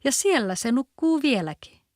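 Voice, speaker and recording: A woman with a Kven accent voicing a small child bear in a storybook, with a small high voice. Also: expressive, dark tone, no echo, studio quality, natural voice. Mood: upset.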